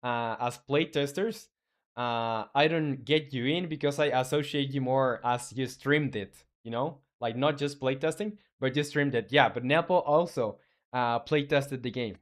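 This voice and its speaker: He's a young man from Chile with a Chilean accent, a native Spanish speaker reading viewer comments during a casual live game-dev stream. His voice is medium in pitch, and he talks haltingly, restarting and using fillers.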